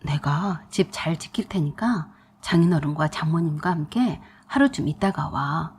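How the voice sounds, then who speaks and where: A woman's voice: low voice, lively intonation, normal speed, darkish tone, husky, pitched below the performer's own voice, full character voice. A woman voicing a smug, selfish young husband who talks in a coaxing, self-satisfied way, in a storybook narration.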